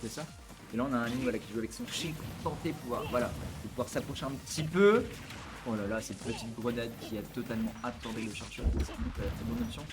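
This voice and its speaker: A man casting an esports grand final at a rapid clip, rattling off excitable play-by-play. Music runs clearly underneath his voice throughout. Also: medium pitch. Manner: quick, excitable play-by-play with colourful asides. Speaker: esports commentator. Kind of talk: live esports commentary. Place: esports venue. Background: music behind the voice.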